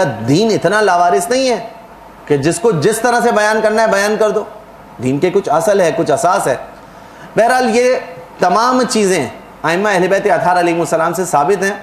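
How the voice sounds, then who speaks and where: A man's voice: high voice, reverberant, slight background noise, poor audio. A man giving a religious lecture in a sermon style, explaining at length and putting questions to the audience before answering them himself.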